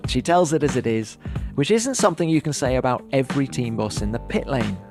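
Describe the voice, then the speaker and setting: A man's voice: medium pitch, animated, brisk, music in the background. Upbeat male podcast host. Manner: friendly, upbeat presenter. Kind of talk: podcast interview and scripted outro.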